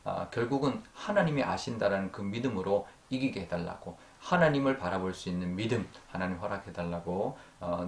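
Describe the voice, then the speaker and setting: A male pastor giving an earnest early-morning sermon. He fills his pauses with drawn-out sounds and lets sentence ends fade softly. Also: low voice, gravelly, echoey room. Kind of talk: dawn prayer sermon. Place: church sanctuary.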